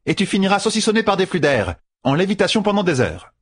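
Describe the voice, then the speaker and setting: A man's voice: fairly high pitch, sing-song, brisk, slightly rough, voice pushed up. A man reading an audiobook voices a stern female healer who scolds and gives curt orders. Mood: firm. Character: stern female healer matriarch, commanding, blunt. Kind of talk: audiobook character voice.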